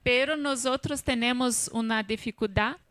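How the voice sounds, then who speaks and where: A woman from Brazil with a Brazilian accent, a native Portuguese speaker, speaking on a panel in a halting mix of Spanish and Portuguese, searching for words. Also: on the high side, fairly bright tone, no echo, clean studio sound. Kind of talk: panel presentation.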